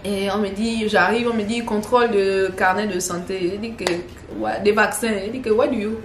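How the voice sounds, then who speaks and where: A woman's voice: mid-range voice, steady tone, moderate pace. A young woman tells a story to her viewers in a casual way. She repeats phrases and drops slangy asides. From Gabon. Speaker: online content creator. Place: home with children playing nearby. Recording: echoey room with faint background noise.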